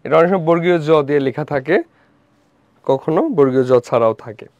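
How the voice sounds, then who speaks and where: A man's voice: on the high side, quick pace, darkish tone, no echo. A young man teaching a live online revision class, who asks questions, repeats them and answers them himself. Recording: dull dry lo-fi stream audio.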